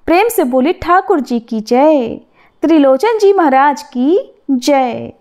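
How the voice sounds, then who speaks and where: A woman's voice: high-pitched, lively intonation, takes it slowly, a little mellow. A woman narrating a devotional story in an earnest storyteller's way.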